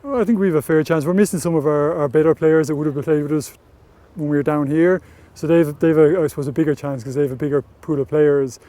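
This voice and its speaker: A man's voice: on the high side, steady tone, quick pace, few pauses, dark tone. A man in a documentary interview outdoors, easygoing and hesitant, with lots of fillers. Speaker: club player.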